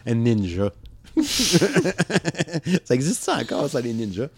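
A man's voice: medium pitch, sing-song, unhurried, creaky, dark tone, no room sound. A man in his thirties with a Quebec French accent, rambling casually about music on a podcast and laughing often. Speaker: podcast co-host.

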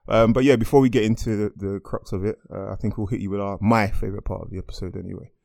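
A man co-hosting a finance podcast, talking quickly in a fairly low voice. He jokes with his co-host and breaks ideas down in plain terms. The sound is dry and close. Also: steady tone, creaky, a little mellow, no echo. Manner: joking, explains in plain terms. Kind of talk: casual finance podcast chat.

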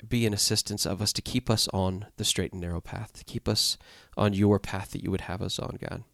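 A man's voice: sits low, steady tone, brisk, vocal fry, a bit bright, dry recording, studio quality. A man hosting a podcast, leading an earnest closing prayer and sign-off in a stuffy, nasal voice. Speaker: podcast host.

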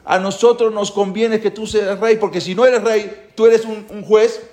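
A man's voice: high-pitched, steady tone, moderate pace, a little mellow. A man teaching a religious class who explains the prayers with many rhetorical questions. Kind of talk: Torah class. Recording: echoey room.

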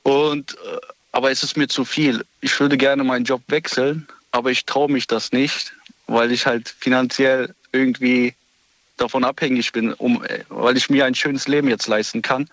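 A man from Frankfurt calling in to a radio show over the phone, talking in a hesitant, halting way full of fillers. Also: mid-range voice, little pitch movement, fairly bright tone, dry recording, low-quality recording. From Frankfurt, Germany. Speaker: radio call-in caller. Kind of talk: casual phone chat.

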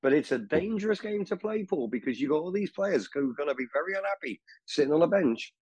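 A man's voice: fairly high pitch, animated, quick pace, a little mellow, slightly rough, no echo, poor audio. A British man co-hosting a casual football podcast, bantering and giving blunt opinions in colloquial language. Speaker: podcast co-host.

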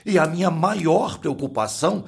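An actor playing a pompous, domineering older father who speaks in a commanding, gravelly voice in an audio drama. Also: a little high, lively intonation, normal speed, exaggerated voice. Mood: haughty.

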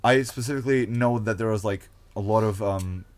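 A man's voice: lowish voice, brisk. A young man, co-hosting a podcast in casual, crude chat and telling stories with lots of swearing. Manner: animated storyteller, swears a lot. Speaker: podcast co-host.

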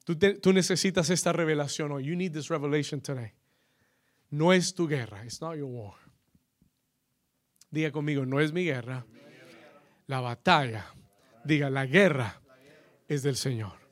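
A bilingual pastor, his voice sitting high for a man. He preaches with bursts of shouted emphasis and repeats each line in English. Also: normal speed, pauses often. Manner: preaching with surging, shouted emphasis, then quieter and intimate. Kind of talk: bilingual sermon with self-translation.

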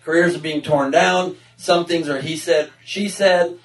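A man hosting a comedy panel, posing brisk leading questions with a sardonic edge. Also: a little high, fairly even intonation, faint music behind. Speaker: host. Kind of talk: moderating a comedic panel discussion. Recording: roomy sound from a distant mic.

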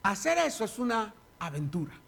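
A man's voice: sits high, big pitch swings, fairly quick, creaky, fairly bright tone. A man preaching a sermon in church, reading scripture dramatically and then leading a prayer. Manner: dramatic reading, voice rising and falling. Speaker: pastor.

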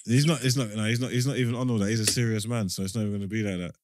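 A man's voice: fairly low pitch, fairly even intonation, rapid-fire, noisy background. A man with a London roadman accent, bantering casually as a podcast host in street slang. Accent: London, urban roadman street slang.

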